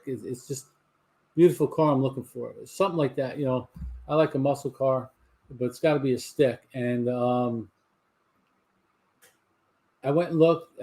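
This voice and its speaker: A man's voice: medium pitch, mellow. Rambling sixty-something Southern man. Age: 60s. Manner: rambling storyteller with frequent restarts. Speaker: host of a livestream cigar talk show. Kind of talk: casual chat to a live audience. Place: home garage.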